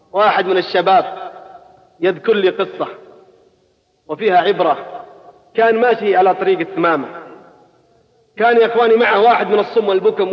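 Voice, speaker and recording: High fast-talking preacher. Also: male voice, big-room sound, highs cut off. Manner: colloquial, rises to loud exhortation. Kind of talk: sermon.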